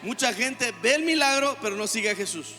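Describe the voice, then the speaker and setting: A man with a Mexican Spanish accent preaching a sermon as pastor, breaking into shouts and calling on the congregation to repeat after him. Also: extremely high pitch, lively intonation, fairly quick. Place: church hall. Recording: reverberant church hall with music underneath.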